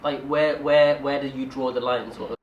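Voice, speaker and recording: A man's voice: mid-range voice, fairly even intonation, moderate pace, a little hiss or hum. A man in a casual group discussion, thoughtfully posing questions. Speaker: discussion panelist. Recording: roomy echo.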